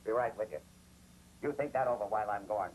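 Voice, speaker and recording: Gruff, blustery old police inspector played by a man. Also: lowish voice, fast talker, natural voice. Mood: threatening. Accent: American. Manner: blustery, sardonic. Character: gruff, exasperated older male police inspector. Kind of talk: 1950s television crime drama acting. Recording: noisy vintage 1950s TV soundtrack.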